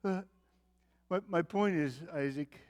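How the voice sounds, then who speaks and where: A man's voice: fairly high pitch, takes it slowly, darkish tone. A man acting as the aging patriarch Abraham, speaking in a theatrical monologue to his young son. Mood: earnest storytelling. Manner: theatrical monologue, calling out, then tender and confiding. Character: aging male patriarch Abraham, weary and devoted father. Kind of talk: dramatic Bible-character monologue.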